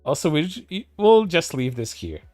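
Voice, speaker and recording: A man's voice: on the high side, big pitch swings, normal speed, darkish tone, no room sound, soft background music. A man commenting on online posts in a sarcastic, profane way, with many fillers and restarts. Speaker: streamer.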